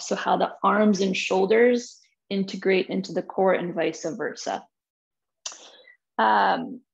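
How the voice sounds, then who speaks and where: Gravelly-voiced woman fitness instructor. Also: medium pitch, highs cut off. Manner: relaxed, chatty, loose with fillers. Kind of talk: live online class intro. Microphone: video call.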